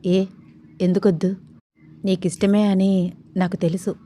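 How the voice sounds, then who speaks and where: A playful young husband in a romantic audio story, coaxing and teasing in a soft, close voice. A woman voices him in her own plain tone. The talk stays intimate and gentle. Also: mid-range voice, flat delivery, measured pace, lightly acted.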